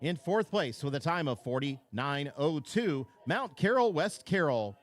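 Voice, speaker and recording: A man's voice: a little high, animated. A man announcing awards at a track meet over a public address system, calling places, marks and schools, and stretching out the winners' names. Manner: slow, drawn-out name calls.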